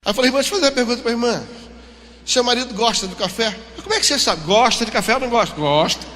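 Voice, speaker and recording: Animated high-voiced Brazilian pastor preaching. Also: male voice, very fast. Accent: Brazilian Portuguese. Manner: animated storytelling, acting out dialogue. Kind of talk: sermon. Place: church. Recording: long church hall reverb.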